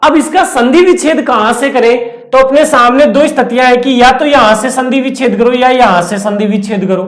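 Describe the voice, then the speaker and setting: A man teaching Hindi grammar in a classroom-style lecture. He explains step by step, repeats his points and puts questions to the class before answering them. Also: extremely high pitch. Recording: echoey room.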